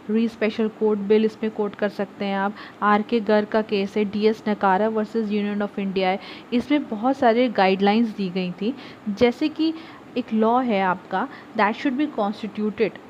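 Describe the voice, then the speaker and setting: A young woman giving a law lecture to her viewers, explaining step by step and switching between Hindi and English legal terms. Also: mid-range voice. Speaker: law teacher. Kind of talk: online lecture. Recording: slightly dull audio with faint background noise.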